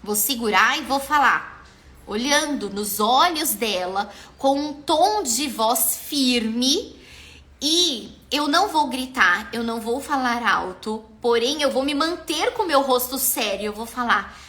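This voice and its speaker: Lively bright-voiced Brazilian woman educator. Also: fairly high pitch, slow pace. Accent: Brazilian Portuguese. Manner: animated, acts out parent and child lines. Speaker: parenting educator hosting a live stream. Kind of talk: casual live-stream talk on parenting.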